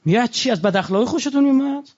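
A man's voice: very high-pitched, animated, darkish tone, muffled recording. A man preaching a religious sermon in a conversational way, asking his listeners rhetorical questions.

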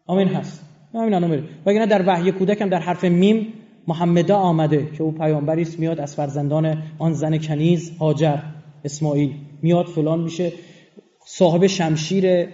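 A man's voice: a little high, mellow. A man giving a religious lecture, explaining scripture emphatically and spelling out words letter by letter. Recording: roomy, dull lo-fi recording.

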